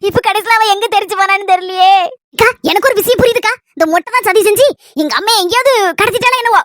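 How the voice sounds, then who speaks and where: A woman's voice: very high-pitched, fast talker, a bit bright, no room sound, studio quality. A woman with a Kanyakumari Tamil accent, performing a one-person village comedy skit in a lamenting, complaining manner.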